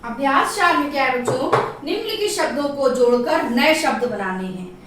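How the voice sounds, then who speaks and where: A woman teacher leading a primary-school class, asking questions and drawing out each answer slowly for the children to repeat. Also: high-pitched, animated, a bit bright, very echoey, distant mic, a little hiss or hum. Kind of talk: online class lesson.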